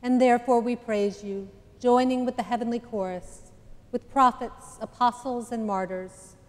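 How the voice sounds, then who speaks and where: Woman priest, middle-aged, solemn measured liturgy, slightly high voice, long church reverb. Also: steady tone, darkish tone. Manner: measured, solemn, with deliberate pauses. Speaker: priest celebrant. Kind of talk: chanted-spoken liturgical prayer. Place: large stone church, indoors.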